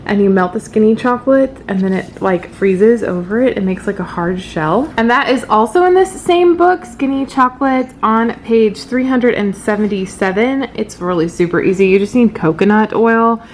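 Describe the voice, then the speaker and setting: A woman's voice: on the high side, moderate pace, hardly any pauses, a little hiss or hum. A woman talking casually to viewers in a home cooking vlog, explaining things in an informal, improvised way. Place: home kitchen.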